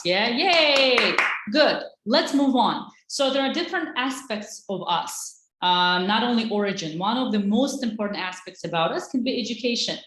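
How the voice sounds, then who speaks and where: A woman's voice: mid-range voice, a bit bright, reverberant, a little hiss or hum. A woman, teaching an online English lesson in an encouraging way. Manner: encouraging, switches between English and Azerbaijani.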